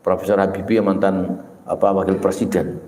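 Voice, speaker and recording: A middle-aged man preaching a sermon, telling stories with sudden leaps in pitch. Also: brisk. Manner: animated storytelling with sudden pitch jumps. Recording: echoey room.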